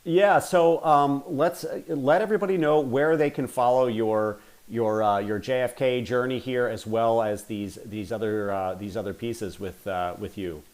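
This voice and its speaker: A man's voice: mid-range voice, fairly even intonation, moderate pace, few pauses, darkish tone. A man hosting an amateur podcast, talking in an easygoing way with fillers. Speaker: podcast host. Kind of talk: casual podcast interview.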